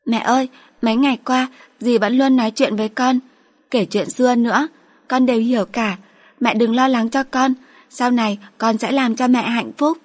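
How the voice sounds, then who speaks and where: An earnest little girl, as a woman reader puts her on, sweet and pleading, her voice lifted high above the narration. The tone is soft and a little husky. It is an audiobook character voice. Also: steady tone, normal speed, no echo, lightly acted. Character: small girl, earnest and tender.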